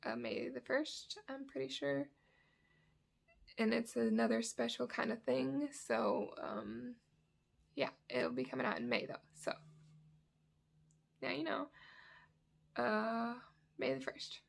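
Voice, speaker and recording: A woman's voice: a little high, lively intonation, slow, gravelly, long pauses. A woman with a dry throat, rambling casually as she shows off her cross-stitch projects. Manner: rambling, chatty, self-correcting. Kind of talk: casual chat. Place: indoors at home, sunny spot.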